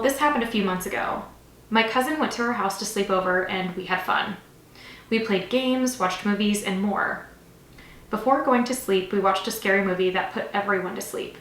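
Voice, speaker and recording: A woman's voice: medium pitch, fairly bright tone, a little hiss or hum. A young woman hosting a horror story channel, reading viewer stories aloud and breaking off into rambling, apologetic asides. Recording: roomy echo.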